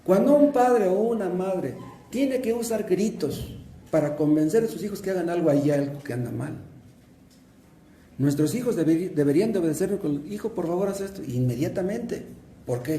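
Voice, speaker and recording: A man's voice: fairly high pitch, a little fast, dark tone, roomy sound, a little hiss or hum. A man, a pastor with a Mexican Spanish accent, preaching a sermon and asking and answering his own questions.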